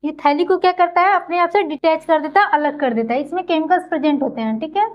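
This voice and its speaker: Woman with a very high voice who teaches by everyday comparisons and quick questions she answers herself. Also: poor audio. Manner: keeps asking and answering her own questions. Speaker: biology teacher. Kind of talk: explanatory classroom lecture.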